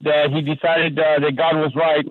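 A man from California calling in to a radio show over a distorted phone line, speaking haltingly and repeating his words. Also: fairly high pitch, level tone, no echo. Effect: phone call heard over the radio.

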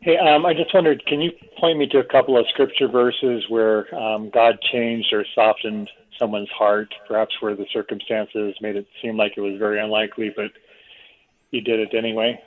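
A man's voice: on the low side, steady tone, moderate pace. A radio show caller, a man, asking a polite question over a phone line into a radio show, hesitant and full of ums. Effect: phone-line call into a radio show.

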